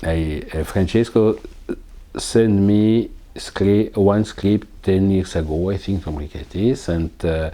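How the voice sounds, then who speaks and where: In this recorded interview, a Swiss cinematographer from the Italian-speaking region talks at a slow pace. His deep, dark voice falters as he hunts for English words, and "uh" fillers crop up often.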